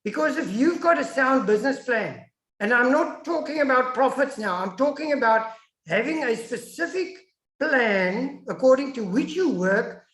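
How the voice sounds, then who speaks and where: Her voice sits high and sounds fairly bright as this Afrikaans-speaking South African woman lectures animatedly at a moderate pace. She's a guest academic giving an emphatic webinar, taking audience questions indoors over an online video call, with an echoey room coming through.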